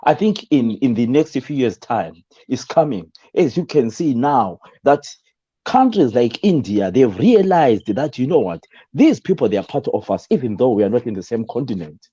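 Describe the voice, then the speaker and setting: A man from Zimbabwe speaks as an interview guest, his voice dark and mellow. He pauses often, restarting his sentences with fillers. The audio sounds dull and lo-fi, like a remote call. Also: mid-range voice, sing-song, slightly rough. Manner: hesitant, many fillers and restarts. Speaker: guest, radio presenter. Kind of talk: interview conversation.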